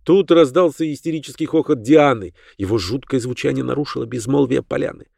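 A man narrating an audiobook in a measured, dramatic manner. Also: mid-range voice, gravelly, a little mellow, no room sound, clean studio sound.

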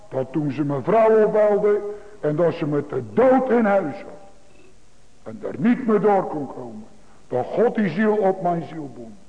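A male pastor preaching a sermon to his congregation, with emphatic, repetitive phrasing. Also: fairly high pitch. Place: church. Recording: tinny phone-like broadcast in a large reverberant church.

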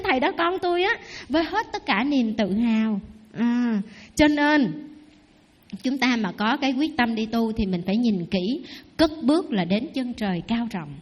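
A woman, a Buddhist nun, giving a dharma talk in a lively, teasing way and asking the audience questions. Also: on the high side. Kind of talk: sermon.

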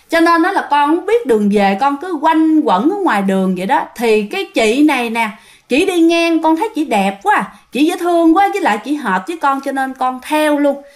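A woman voicing the ghost of a seventeen-year-old in a spoken ghost story, pleading and gently stubborn. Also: high voice. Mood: fond. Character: ghost of a 17-year-old who died on the road, lonely.

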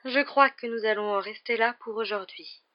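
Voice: mid-range voice, moderate pace, muffled recording, pitched above the performer's own voice, lightly acted. A reader voicing a dramatic, mournful older woman fortune-teller in an audiobook, speaking in a theatrical, wailing manner. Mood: haughty. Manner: theatrical, wailing, breathy dread.

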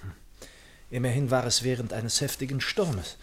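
An actor playing a polite, sympathetic gentleman doctor, the detective's companion, in a German radio play, with a husky voice. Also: mid-range voice, normal speed, lightly acted. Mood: concerned, inquiring.

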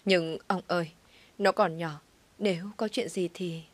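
A woman voicing an anxious older grandmother who scolds in a shrill, sharp-tongued way. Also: fairly even intonation, unhurried. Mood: tearful.

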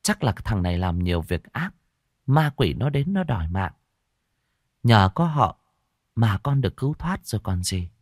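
A man voicing a calm middle-aged village wise woman who speaks politely and soothingly, in a told ghost story. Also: on the low side, normal speed, long pauses, no room sound, clean studio sound.

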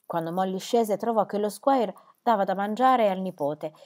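A woman narrating an audiobook with an expressive, dramatic reading. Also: mid-range voice, moderate pace. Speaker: audiobook reader. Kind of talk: scripted narration.

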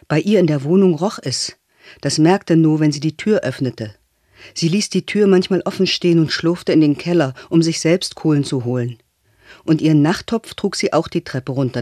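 A man calmly reading a novel aloud as narrator, in a measured way. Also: on the high side, no room sound, clean studio sound. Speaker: audiobook reader.

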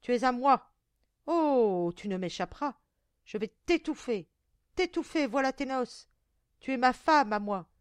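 A woman reading a story aloud and voicing a cruel, damned male goblin monster with a shrill, cracked voice and a loud, taunting way of speaking. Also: lively intonation, a little slow, smooth, no echo. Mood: gloating.

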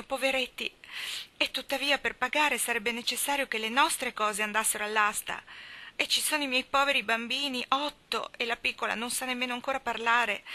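A woman's voice: a little high, pushed and bright, voice pushed up. A woman voicing a humble, distressed farmer's wife who pleads in a plaintive, raised voice.

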